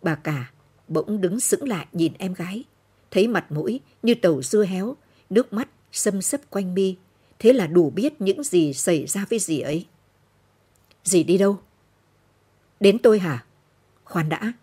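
A woman narrating a novel for late-night radio in a steady, measured storytelling manner. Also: medium pitch, husky.

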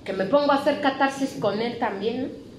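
A middle-aged woman with a Mexican accent, talking to a recovery group with a blunt, profane honesty. Her voice sits high, and the room around her rings with echo. She tells her story openly and with feeling. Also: a little fast, a little hiss or hum. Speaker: psychologist speaking at a recovery clinic. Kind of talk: candid testimony talk to a recovery group. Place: meeting room at a rehab clinic.

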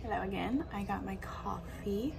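A woman's voice: mid-range voice, normal speed, gravelly, crowd noise. A young woman, chatting casually on a homestead vlog and talking to her chickens, filmed on a phone at arm's length. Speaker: homestead vlogger. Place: backyard chicken run outdoors and home kitchen. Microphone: phone held at arm's length. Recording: outdoor noise with clucking chickens. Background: chickens clucking and roosters crowing.

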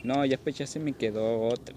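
A man's voice: medium pitch, fairly even intonation, normal speed, mellow, a little hiss or hum. A tipsy man gives casual gameplay commentary as a host, rambling, repeating himself and joking crudely. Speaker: gaming video host.

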